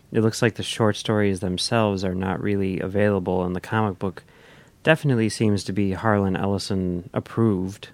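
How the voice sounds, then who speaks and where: Guy with a lowish voice on a podcast, halting and thinking aloud, dry close mic. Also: darkish tone, no room sound. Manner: hesitant, many restarts and fillers. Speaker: podcast co-host. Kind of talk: casual podcast discussion.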